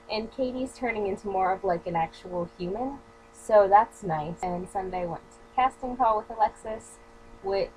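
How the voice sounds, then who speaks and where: A woman's voice: medium pitch, darkish tone. A woman in her twenties chatting casually in a rambling vlog, recorded on a webcam in a small bedroom. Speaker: vlogger. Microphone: built-in webcam mic. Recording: dull lo-fi webcam audio with faint hum.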